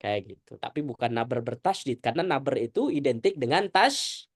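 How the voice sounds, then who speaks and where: A woman teaching Quran recitation in an online lesson over a video call, animated, often asking whether students understand and reciting Arabic slowly. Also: very deep voice, no room sound, studio quality.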